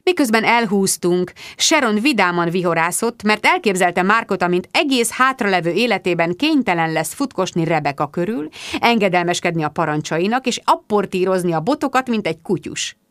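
A woman reading a first-person audiobook in a lively, wry way, moving quickly through the story. Her voice sits at an ordinary middle pitch. The recording is close and dry, with no room sound. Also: no room sound. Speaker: audiobook narrator. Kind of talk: scripted audiobook narration.

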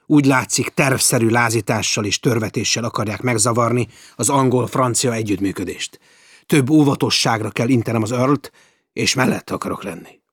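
A man voicing a bold, brash male naval officer adventurer, speaking forcefully and commandingly. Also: fairly low pitch, husky, no room sound, clean studio sound. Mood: urgent.

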